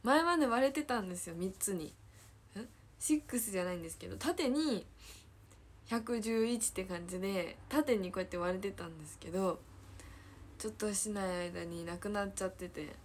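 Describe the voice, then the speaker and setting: A woman's voice: mid-range voice, expressive, normal speed. A teenage girl with a Kansai accent chatting casually on a livestream, giggling often and repeating her own phrases as she reads viewer comments. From Hyogo, Japan. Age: teens. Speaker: idol trainee livestreamer.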